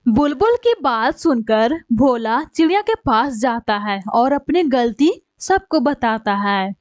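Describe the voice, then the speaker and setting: A woman's voice: a little high, expressive, takes it slowly, dry recording. A woman narrating a cartoon story in a plain storytelling manner.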